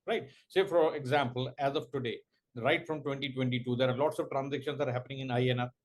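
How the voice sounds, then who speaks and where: A man giving a law coaching lecture, quizzing students and slowly dictating points word by word. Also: mid-range voice, fairly even intonation. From India. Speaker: professor.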